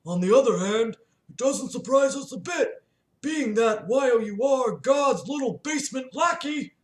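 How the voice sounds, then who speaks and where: A woman voicing a haughty, scornful male archangel leader with a slow, mocking, lofty delivery. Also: high voice, animated, voice pushed up. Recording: roomy echo.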